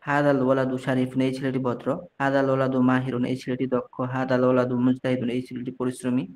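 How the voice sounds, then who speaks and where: A man from Bangladesh leads an online lesson at a middle pitch. He drills short phrases one at a time, reads each one and then translates it. He often stops mid-word and starts again. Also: monotone, fast talker, darkish tone. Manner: frequent restarts and mid-word corrections. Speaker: Arabic teacher.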